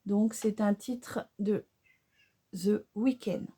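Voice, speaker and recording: A middle-aged woman talks casually and openly to her viewers while applying makeup. Her voice sits at an ordinary mid pitch, relaxed and conversational, sprinkled with small tags and fillers. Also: very slow, slightly rough. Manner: chatty and candid, frequent tag "hein". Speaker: beauty vlogger.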